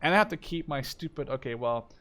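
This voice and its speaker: A man in his twenties narrates gameplay in a fairly high, bright and animated voice, talking fast. As a gaming video maker he rambles casually, breaks off his own sentences and swears a little. The game's battle din of artillery, gunfire and vehicles sits behind him.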